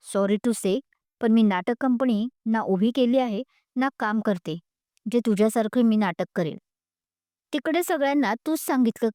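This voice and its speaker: A woman's voice: on the high side, no room sound, studio quality. A woman voicing a furious tearful young woman. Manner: sharp, raised, tearful scolding. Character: angry hurt young woman student.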